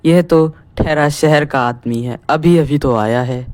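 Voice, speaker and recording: A woman's voice: low voice, takes it slowly, a little mellow, no room sound, voice pushed down. A woman voicing young village men who brush off an argument in a teasing way.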